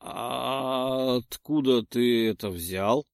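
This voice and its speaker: A man's voice: mid-range voice, expressive, unhurried, a little mellow, no room sound, lightly acted. Guy doing a wry sarcastic young man, near his own voice, dry sound. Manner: wry, snorting. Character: wry young man who barely survived.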